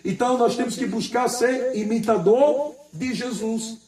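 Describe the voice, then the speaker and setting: A man preaching a sermon, repeating his points, asking the congregation for an "Amém", and reading scripture slowly and with emphasis. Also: extremely high pitch, darkish tone, reverberant, distant mic, rough recording.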